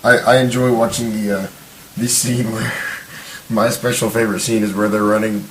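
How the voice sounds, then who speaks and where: A man's voice: lowish voice, moderate pace. Young guy rambling on a podcast, lots of likes and ums, echoey room. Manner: rambling, animated, lots of fillers. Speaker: podcast guest. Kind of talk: casual chat. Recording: echoey room, faint hiss.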